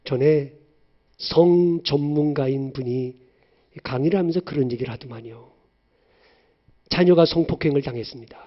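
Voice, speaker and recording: A male pastor preaching a sermon, moving between loud, fervent declarations and soft, hushed words of comfort. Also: fairly high pitch, moderate pace, long pauses, highs cut off.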